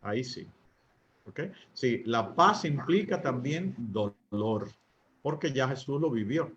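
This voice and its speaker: A Dominican man, a priest, teaching couples in a talk, often pausing with fillers and asking his listeners rhetorical questions. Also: mid-range voice, animated, a bit bright, highs cut off. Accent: Dominican Spanish. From Dominican Republic. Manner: asks the audience rhetorical questions, hesitates with fillers.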